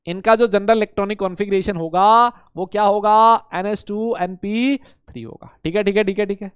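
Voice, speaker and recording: A man teaching chemistry to students in a lively lecture, asking questions and answering them himself, with playful memory tricks. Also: high voice, moderate pace, clean tone, no echo, studio quality. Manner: voices imagined student questions.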